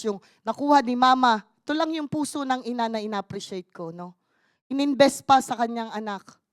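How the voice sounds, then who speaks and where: A woman's voice: fairly high pitch, no echo, clean studio sound. A middle-aged Filipino woman preaching a sermon, mixing Tagalog and English and rising into emphatic bursts.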